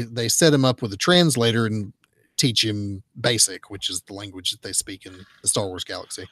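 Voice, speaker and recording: A man's voice: medium pitch, fairly bright tone, no echo, studio quality. A man co-hosting a comic book podcast, recapping a story in casual chat with lots of fillers and restarts. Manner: rambling, many fillers and restarts. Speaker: podcast co-host.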